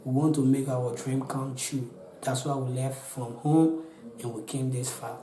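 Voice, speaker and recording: A man's voice: mid-range voice, fairly even intonation, unhurried, warm tone, roomy sound, rough recording. A Liberian man in his twenties with a Liberian accent, telling his own story in an interview, earnest and pleading, often repeating himself. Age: 20s. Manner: pleading, repetitive, restarts often. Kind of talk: earnest personal account.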